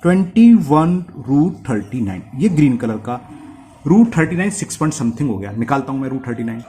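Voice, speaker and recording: A man's voice: mid-range voice, big pitch swings, fairly quick, warm tone, a little hiss or hum. A man with an Indian accent teaching a maths lesson step by step, thinking aloud as he writes and checking in with the viewer.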